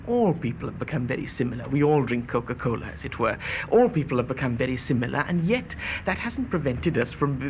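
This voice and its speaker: A man's voice: mid-range voice, a little mellow. Guy musing in an interview, mid voice, hesitant and intellectual, slight background noise. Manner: hesitant, intellectual phrasing with repetitions. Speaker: interviewee, commentator. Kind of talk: discursive interview talk.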